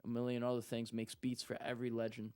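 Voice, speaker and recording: A man's voice: medium pitch, fast talker, clean tone. A young man telling a story in casual talk, acting out what people said. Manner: animated, acts out quotes. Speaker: guest.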